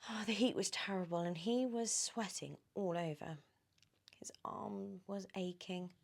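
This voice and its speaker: Reading a children's story in ASMR fashion, a woman with a British accent stays animated and often drops into whispers. She has a gravelly, medium-pitched voice and a measured pace.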